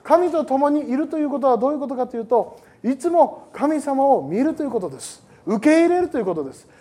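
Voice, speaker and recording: Very high-pitched man preaching a sermon. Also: fast talker. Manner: lively, joking, digressive preaching to a congregation. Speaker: pastor. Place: church service with a congregation.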